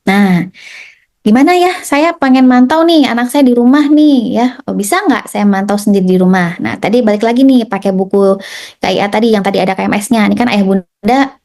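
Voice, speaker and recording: A woman's voice: mid-range voice, brisk, a little mellow. A woman pediatrician giving an informal health talk to parents, chatty, often tagging her sentences and acting out little quotes. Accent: Indonesian. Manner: chatty, repeats tag "ya" and "gitu", acts out quotes.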